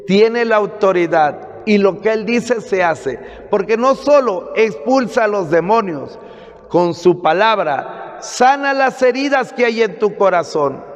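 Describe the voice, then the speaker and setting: A Mexican priest giving a Sunday gospel sermon, preaching emphatically with dramatic pauses. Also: male voice, very high-pitched, big-room sound, muffled recording. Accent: Mexican Spanish. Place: church.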